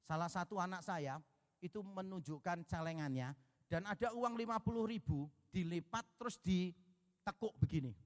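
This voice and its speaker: A man's voice: high voice, moderate pace. A man from Indonesia preaching a sermon to a congregation, telling stories, acting out dialogue and joking with the crowd. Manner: storytelling, acts out dialogue, jokes with congregation. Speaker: pastor. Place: large church hall. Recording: long church reverb.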